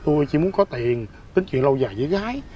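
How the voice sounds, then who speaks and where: Actor playing a grumbling farmhand, rapid speech, lively pitch, faint music. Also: male voice, highs cut off, slight background noise, natural voice. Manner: grumbling, fast and curt. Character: sly hired farmhand, grumbling and defensive. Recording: film dialogue under background music.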